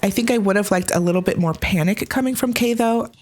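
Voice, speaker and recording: A woman's voice: medium pitch, quick pace, darkish tone, a little hiss or hum. A woman hosting a scripted game review, with a conversational, opinionated delivery. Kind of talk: scripted video review narration.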